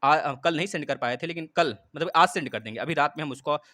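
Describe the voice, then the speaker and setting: A man teaching a live online class, lively, speaking straight to his students and repeating key points. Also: fairly high pitch, fast, no room sound, studio quality. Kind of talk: live online exam-prep lesson.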